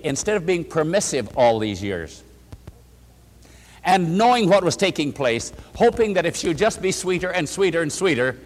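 A man's voice: sits high, big-room sound. A male preacher giving an emphatic sermon, calling his listeners friends and leading them through verses together.

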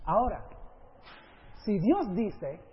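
A man's voice: high voice, very animated, drawn-out words, breathy edge. A middle-aged male preacher giving a sermon, keeping the crowd engaged with constant "right?" questions and English phrases dropped into his speech. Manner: keeps asking the audience "right?", with rhetorical questions. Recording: dull lo-fi sound with faint hiss.

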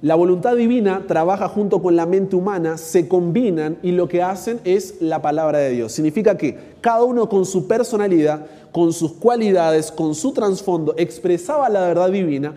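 A man's voice: high voice, moderate pace, few pauses, mellow. A man with an Argentine accent teaching a Bible workshop, asking his audience rhetorical questions. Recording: long hall reverb.

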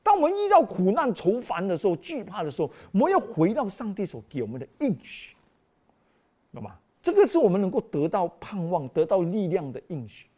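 An exclamatory, animated sermon comes from a preacher with a mid-range voice and a brisk pace, who keeps putting rhetorical questions to the congregation.

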